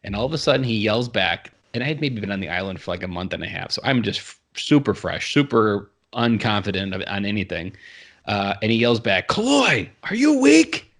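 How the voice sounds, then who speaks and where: A man's voice: lowish voice, a little fast, fairly bright tone. A man in his thirties, a podcast guest, telling his story in an earnest, reflective way. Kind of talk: casual interview conversation.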